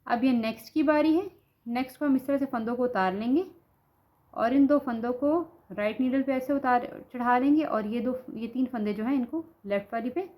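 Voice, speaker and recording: Her voice is a little high and darkish, with a moderate pace. Nursing a sore throat, this knitting instructor gives a patient step-by-step tutorial, explaining every stitch and saying "ठीक है" again and again while she shows it.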